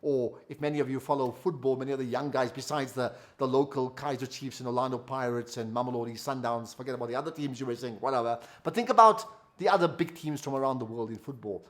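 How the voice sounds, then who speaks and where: A man's voice: mid-range voice, fast talker, few pauses, a bit bright. A man giving a motivational masterclass. He repeats key phrases for emphasis and asks rhetorical questions. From South Africa. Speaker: company founder giving a masterclass.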